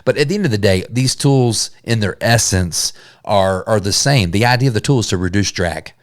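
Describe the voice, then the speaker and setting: A man's voice: fairly low pitch, lively intonation, moderate pace, dry recording, clean studio sound. A man hosting a solo business podcast, talking in an earnest, conversational way and sometimes restarting his sentences. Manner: earnest, conversational, with self-corrections. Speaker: podcast host.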